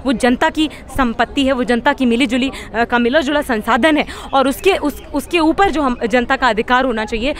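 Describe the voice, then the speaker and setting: A young woman with a high voice speaks as a student activist at an outdoor street protest. She talks in a fiery, rhetorical way, stumbling over restarts as she builds her point, with several handheld press mics held close to her. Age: young adult. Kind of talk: impassioned street interview.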